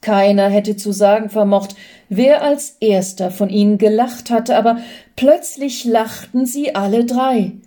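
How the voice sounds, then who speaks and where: A woman reading a Christmas story aloud in a calm, gentle way. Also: medium pitch, a little slow.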